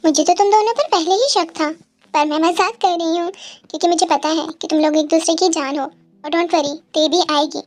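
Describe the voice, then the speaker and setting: A woman's voice: very high-pitched, a little fast, faint music behind. A woman voicing a caring young woman who reassures and playfully teases her friends in an audio story. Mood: teasing. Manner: reassuring, promising tone.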